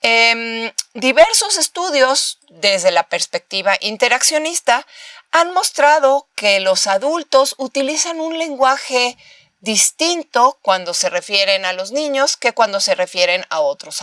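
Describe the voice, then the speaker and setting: Woman, Mexican Spanish accent, university lecturer, higher voice, dry close sound, explanatory with rhetorical questions. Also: a bit bright, smooth, dry recording. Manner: explanatory, with rhetorical questions and acted examples of baby talk. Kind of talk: recorded master class lecture.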